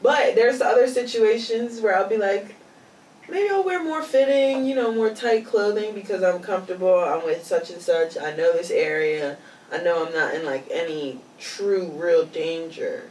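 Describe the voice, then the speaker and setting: A woman's voice: medium pitch, normal speed, darkish tone, a little hiss or hum. A woman in her twenties co-hosting a podcast, talking casually and animatedly and laughing often. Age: 20s. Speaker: podcast co-host. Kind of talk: casual chat. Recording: echoey room, mic at a distance.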